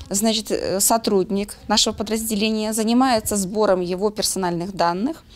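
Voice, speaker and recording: Female official explaining a procedure. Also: medium pitch. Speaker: official interviewee. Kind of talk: interview answer.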